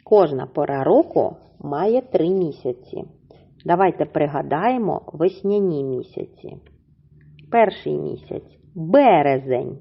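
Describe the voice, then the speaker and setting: Woman, primary school teacher, husky, lively pitch, encouraging, slow syllable-by-syllable reading. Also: dull audio. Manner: syllable-by-syllable drawn-out pronunciation, encouraging. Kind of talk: slow, clearly enunciated reading lesson for young children.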